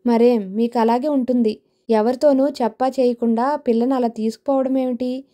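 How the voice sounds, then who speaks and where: A woman's voice: fairly high pitch, fairly even intonation, normal speed, natural voice. A woman reading an irritated fussy mother. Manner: complaining, sharp-tongued.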